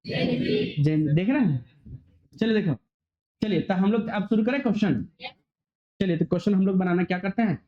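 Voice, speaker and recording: A male physics teacher lecturing a classroom, firing quick questions and waiting for students to answer. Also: sits high, big pitch swings. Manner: quizzing students, call-and-response. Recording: dull lo-fi recording.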